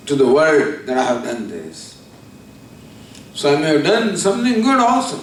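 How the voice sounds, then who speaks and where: Spiritual teacher, man, measured lecture, slightly high voice, distant mic in an echoey room. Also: slight background noise. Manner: deliberate, explaining with everyday examples. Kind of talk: scripture lecture.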